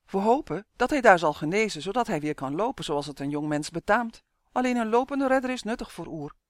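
A man doing a high, gushing little elf. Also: expressive, brisk, dry recording, clean studio sound. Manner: gushing, fawning. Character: small excitable male elf, eager and flattering.

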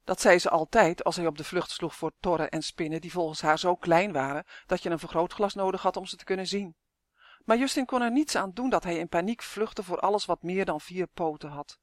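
Expressive storybook audiobook narrator. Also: medium pitch, fairly quick, no room sound, studio quality. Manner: lively, expressive reading.

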